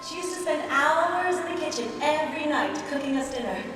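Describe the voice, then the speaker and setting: A woman reciting a scripted personal monologue in a reflective, soft-spoken way. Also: high-pitched, lively intonation, fairly quick, very echoey, in a large hall, recorded from a distance, over music.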